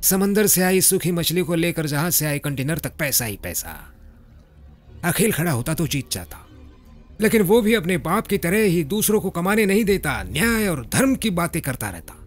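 A ruthless political boss in a dubbed film, giving orders coldly and deliberately. His voice sits a little high and moves a lot in pitch. A quiet film score plays under him. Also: sing-song, soft background music. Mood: coldly scheming. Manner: cold, commanding, deliberate. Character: scheming middle-aged male political boss, ruthless. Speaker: villain. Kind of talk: Hindi film dub.

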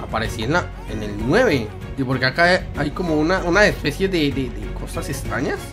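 Young male gamer, high-voiced, jumpy comic fear, game music underneath. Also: expressive, fairly quick. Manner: jittery, jokey, feigning fright, slangy. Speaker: gaming YouTuber. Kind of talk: horror game commentary.

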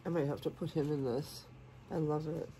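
A woman with a cold, sounding congested and sniffly, gushing softly as she unboxes doll clothes and sometimes dropping to a whisper. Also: sits low, steady tone, normal speed, slight background noise. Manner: gushing, soft-spoken, sometimes drops to a whisper. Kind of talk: casual unboxing chat.

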